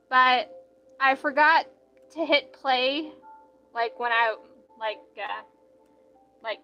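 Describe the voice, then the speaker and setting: A woman's voice: fairly high pitch, highs cut off. A young woman streaming and reading out live chat in a casual, rambling way, full of "like" fillers.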